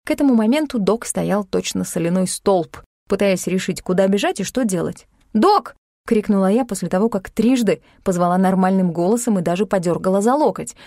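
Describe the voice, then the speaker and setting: A woman's voice: mid-range voice, a little fast, mellow, dry recording. A woman narrating a first-person audiobook in a wry, sardonic way, close to the mic.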